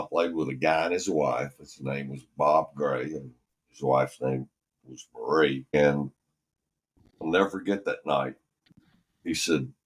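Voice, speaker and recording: A man's voice: very deep voice, husky. An older man from Alabama, a former golfer telling rambling, folksy stories as a podcast guest. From Alabama, USA. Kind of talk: anecdotal storytelling.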